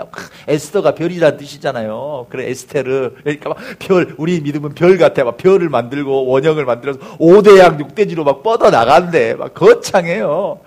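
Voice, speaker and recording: A man preaching a sermon as pastor, telling a story with acted-out voices and sound effects and calling out to the congregation for replies. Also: a little high. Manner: animated storytelling, acts out crowd cheers and crashes.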